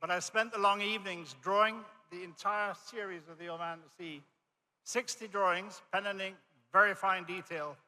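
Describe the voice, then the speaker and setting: Here a high-pitched, sharp-toned older man from Jamaica speaks at normal speed with fairly even intonation. He is giving a friendly, storytelling commencement speech in a Jamaican accent from a podium, full of self-deprecation, recorded in a large reverberant hall.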